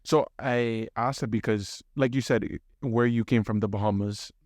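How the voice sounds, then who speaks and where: A man's voice: medium pitch, steady tone, normal speed, a little mellow, dry recording, studio quality. A man hosting a podcast, asking conversational, probing questions of his guest. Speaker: podcast host, interviewer. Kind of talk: interview conversation.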